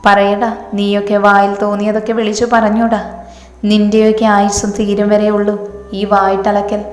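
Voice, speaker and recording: A woman's voice: mid-range voice, monotone, normal speed, echoey room, in a large hall, natural voice. A woman voicing a bitter, vengeful middle-aged mother who talks with scorn and grief, in a storybook reading. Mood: scornful grief.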